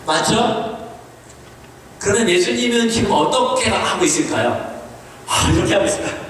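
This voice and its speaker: Male pastor, Korean sermon, fairly high voice, rising and falling emphasis, distant mic, long hall reverb. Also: animated, normal speed, slight background noise. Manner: swings between high emphatic lines and low quiet ones. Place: church sanctuary. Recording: echoey church hall, voice from a distance.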